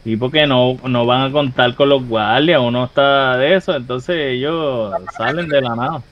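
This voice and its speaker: A man's voice: medium pitch, moderate pace, highs cut off. A man with a Puerto Rican accent chatting casually while playing an online role-play game. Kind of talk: casual gaming chat.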